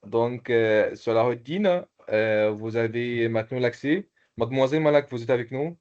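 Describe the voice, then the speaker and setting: A man teaching an online language class, slowly repeating phrases and calling on students by name. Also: mid-range voice, darkish tone, muffled recording. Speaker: Arabic teacher.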